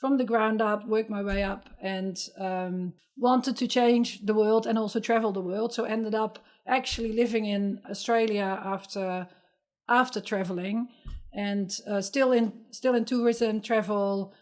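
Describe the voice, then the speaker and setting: A woman's voice: medium pitch, steady tone, a little slow, darkish tone. A middle-aged woman from the Netherlands with a Dutch accent, telling her life story as a podcast guest in an earnest, reflective way. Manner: earnest, reflective, with light laughs and restarts. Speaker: podcast guest, sustainability entrepreneur. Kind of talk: conversational interview storytelling.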